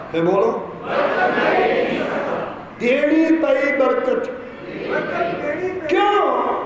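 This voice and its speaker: A man with a Punjabi accent preaching a Sunday sermon, leading the congregation in call-and-response and urging them to repeat his words aloud. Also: sits high. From Punjab, India. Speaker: pastor. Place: church hall. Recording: echoey hall with long reverb and noise.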